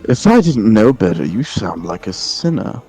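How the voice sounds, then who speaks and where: Man playing a deep, formal genasi adventurer. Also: big pitch swings, normal speed, gravelly, warm tone, breathy edge, faint music behind, exaggerated voice. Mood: dignified. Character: polite, dignified blue-skinned male air genasi adventurer.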